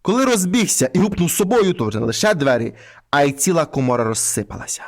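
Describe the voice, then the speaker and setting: A man reading a folk fairy tale aloud in an expressive storytelling manner. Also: fairly high pitch, fast talker.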